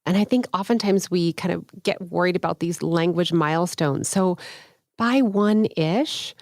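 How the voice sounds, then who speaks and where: A woman's voice: lowish voice, a little slow, gravelly, dry recording, clean studio sound. A woman hosting a parenting podcast, affirming her guests and asking questions. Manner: warm, affirming, asks questions. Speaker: podcast host. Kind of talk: podcast interview and ad read.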